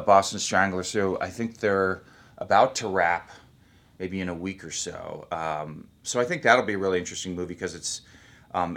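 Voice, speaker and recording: A man who is an actor, talking about his work in a relaxed, rambling interview. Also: sits low. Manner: easygoing, rambling, thinks aloud. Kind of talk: casual interview talk.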